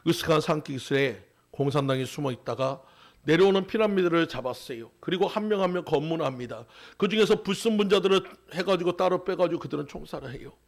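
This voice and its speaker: A man with a high, rough-edged voice preaches a sermon as pastor. His delivery swings between fervent, raised exhortations and soft, nearly whispered asides. A gravelly fry runs through his tone. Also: expressive, quick pace.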